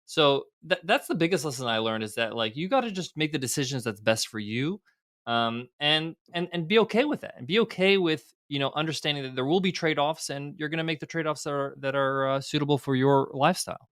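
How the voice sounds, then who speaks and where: Bright, earnest man talking candidly. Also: fairly high pitch, lively intonation, fairly quick, no room sound, clean studio sound. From United States. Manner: earnest, candid, many fillers and restarts. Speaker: guest entrepreneur. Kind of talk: casual podcast interview.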